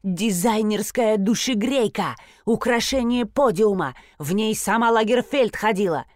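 A woman doing a greedy male fur dealer in an audiobook, all oily flattery and pushiness. His sales talk comes slow and drawn out, set against a dry, close sound. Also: mid-range voice, no room sound, natural voice. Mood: wheedling.

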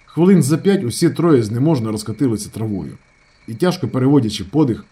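A man reading a novel aloud as an audiobook narrator, with expressive, dramatic storytelling. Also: mid-range voice, brisk, husky.

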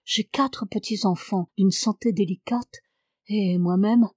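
A woman reading the lines of a distraught young woman who talks quickly. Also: medium pitch, darkish tone, no echo, studio quality.

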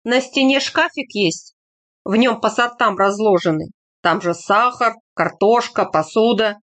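A woman's voice: mid-range voice, unhurried, fairly bright tone, close to an everyday voice. A woman voicing an earnest, plainspoken young village man in a read-aloud story, without much change to her own voice.

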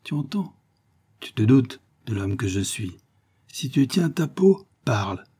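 A man voicing a brutal, menacing giant fisherman in an audiobook reading, gruff and sneering. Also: mid-range voice, sing-song, measured pace, warm tone. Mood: threatening.

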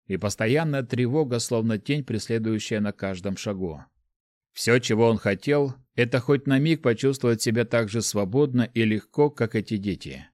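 A man narrating an audiobook in a calm, measured reading. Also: mid-range voice, no echo, clean studio sound.

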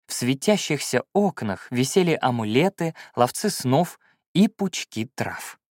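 A male audiobook narrator telling a first-person story with a lively, swooping delivery at a middle pitch. The sound is dry and close, with no room in it. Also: a little slow, dry recording. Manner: expressive, storytelling.

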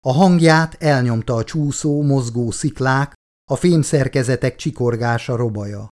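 A man narrating an audiobook in a measured, even reading. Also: mid-range voice. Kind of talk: scripted narration.

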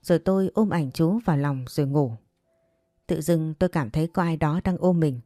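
Low-voiced woman telling a story. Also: moderate pace, mellow, dry recording, clean studio sound, faint music behind. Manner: intimate, confiding first-person telling. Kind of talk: first-person story narration.

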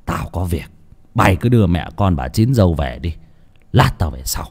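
A man's voice: sits low, very animated, normal speed, darkish tone, voice pushed down, heavily acted. A man voicing a stern, secretive elderly grandfather who speaks curtly and wearily. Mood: gruff. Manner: gruff, curt and weary.

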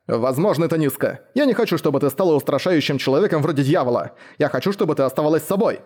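A man's voice: a little high, lively intonation, quick pace, a little mellow, husky. A man voicing a bold, blunt young male retainer who argues earnestly. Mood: pleading.

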